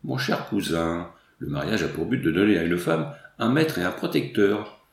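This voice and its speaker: A man's voice: sits low, sing-song, moderate pace, creaky, roomy sound, heavily acted. Césarine, a man reading a proud young noblewoman. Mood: firm, composed. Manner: firm, composed, formal. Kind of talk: audiobook reading.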